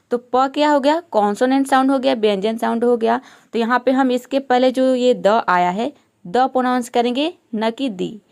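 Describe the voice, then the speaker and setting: Woman, grammar teacher, patient, self-questioning, slightly high voice. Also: vocal fry. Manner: patient, asks questions and answers them herself. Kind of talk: explaining grammar step by step.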